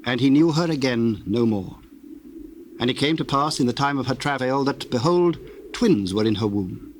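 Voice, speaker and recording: A man narrates a dramatized scripture reading in a solemn storytelling style, his medium-pitched voice animated at normal speed. The audio comes from a hissy old cassette, with birdsong in the background.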